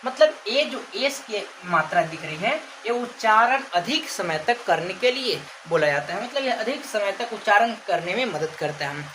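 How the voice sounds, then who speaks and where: A woman's voice: medium pitch, lively intonation, moderate pace, few pauses. A woman teaching a grammar lesson to children, repeatedly asking the class questions and drawing out example words. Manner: stretches out called names as examples. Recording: noisy background ambience.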